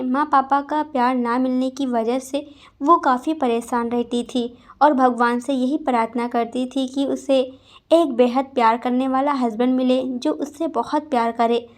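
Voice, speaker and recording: High-voiced woman narrating a story. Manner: reads all roles in one steady voice.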